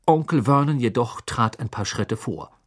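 A man narrating an audiobook in an expressive reading style, with a husky voice. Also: mid-range voice, moderate pace. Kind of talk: scripted narration.

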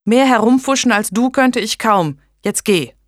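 A woman's voice: medium pitch, lively intonation, moderate pace, no echo, studio quality, voice pushed up, close to an everyday voice. A woman reading an audiobook and voicing a resolute, caring noblewoman who speaks firmly and protectively. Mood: commanding. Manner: firm, indignant.

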